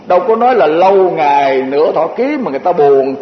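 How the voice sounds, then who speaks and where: High-voiced male preacher in echoey hall. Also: expressive, brisk. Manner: folksy, repetitive lists, chuckling asides. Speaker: Buddhist teacher. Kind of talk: dharma talk sermon. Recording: muffled echoey hall recording with faint hiss.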